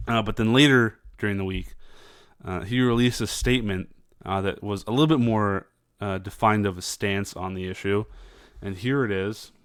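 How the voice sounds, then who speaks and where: A man hosting casual political commentary, talking in a halting way with many fillers and restarts. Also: on the low side, clean tone, dry recording, studio quality.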